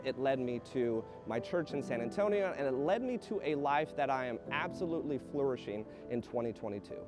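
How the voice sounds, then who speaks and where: A man in his thirties telling his life story in an earnest, emphatic way, standing outdoors in front of a house. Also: fairly high pitch. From Texas. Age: 30s. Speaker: real estate agent. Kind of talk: personal story vlog. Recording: music playing under the voice. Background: music.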